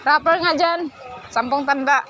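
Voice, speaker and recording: A woman's voice: high voice, normal speed, lo-fi sound. A woman vlogging casually while shopping at an outdoor market, chatting and bantering with the vendors. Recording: busy market crowd and traffic noise.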